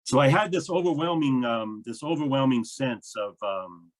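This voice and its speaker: A man's voice: mid-range voice, animated, moderate pace. A man, a minister, interviewing a guest in an earnest, thoughtful way with frequent fillers. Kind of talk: reflective conversation.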